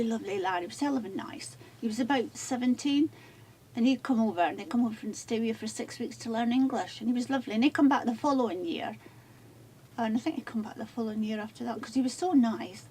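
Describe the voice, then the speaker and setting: A woman's voice: on the high side, a little mellow, breathy edge. Rambling, chatty older woman. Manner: rambling, chatty, self-deprecating. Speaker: interviewee. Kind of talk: casual home chat on camera.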